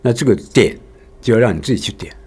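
Husky-voiced man teaching with lively pitch. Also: fast. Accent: Taiwanese Mandarin. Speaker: voice actor and teacher. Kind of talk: casual podcast chat, teaching.

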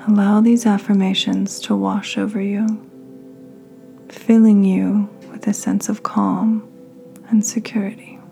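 A woman hosting a podcast, leading a guided meditation in a soft, half-whispered, soothing voice. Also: medium pitch, flat delivery, a little slow, gravelly, faint music behind. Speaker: podcast host.

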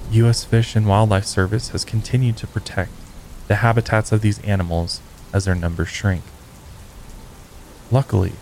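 A man giving slow, measured, scripted narration for a nature documentary. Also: on the low side, a little mellow, a little hiss or hum, low-quality recording. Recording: faint rain in background.

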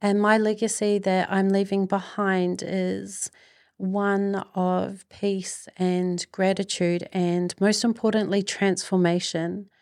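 A middle-aged woman hosts a motivational podcast, speaking earnestly and reflectively in deliberate phrases. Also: mid-range voice, level tone, a little mellow, no echo, clean studio sound. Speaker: podcast host.

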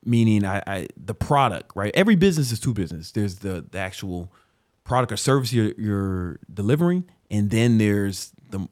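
A man in his thirties, hosting a casual talk ranking business books, swearing freely and telling stories with animated, self-mocking laughs. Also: on the low side, no echo, studio quality. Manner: profane, loose and streetwise; animated storyteller who laughs at himself.

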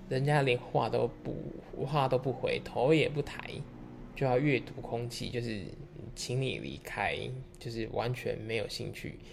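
A young man with a Taiwanese Mandarin accent tells stories in a relaxed podcast chat, loose and candid, with casual swearing. His voice sits in a middle pitch with a gravelly, creaky edge. A faint hum of noise runs underneath. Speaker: podcast host.

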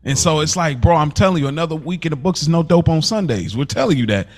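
An American podcast co-host with a slightly high, expressive voice talks quickly in a casual chat. He is emphatic and encouraging, often repeating himself for effect, and music plays behind the conversation.

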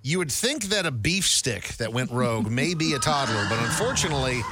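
A man's voice: mid-range voice, animated, fairly quick, pushed and bright, soft background music. A male radio host running a light call-in guessing game with upbeat, joking banter. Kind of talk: casual radio game segment.

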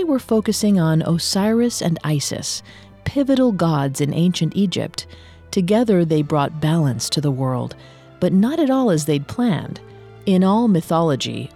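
Low, mellow woman narrator. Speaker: host and narrator. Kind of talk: scripted narration.

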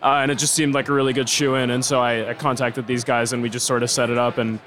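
A man from Venezuela, a tech consultant, answering interview questions with relaxed, rambling explanations outdoors. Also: mid-range voice, fast talker, soft background music. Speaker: technology consultant, guest.

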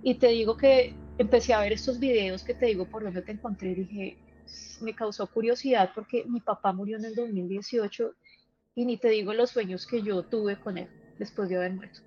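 A woman's voice: mid-range voice, steady tone, breathy edge, highs cut off, faint music behind. A woman, telling personal experiences in a casual interview, earnest and emotional. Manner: earnest, emotional, halting storytelling. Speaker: guest sharing personal experiences.

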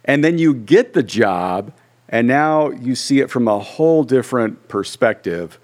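A man hosting a podcast interview, talking in a relaxed, reflective, self-deprecating way. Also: medium pitch, a little slow. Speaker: podcast host and pastor.

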